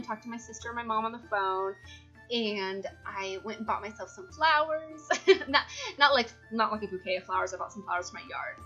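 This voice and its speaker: Young woman, chatty vlog voiceover, bright and rambling, a bit high, slightly dull recording with soft music. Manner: rambling, giggly, with many fillers. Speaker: YouTube build creator.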